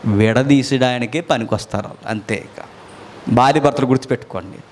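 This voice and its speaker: A man preaching a sermon to a live congregation in an animated way, firing off rhetorical questions with big swings in pitch. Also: moderate pace, slight background noise. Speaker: pastor.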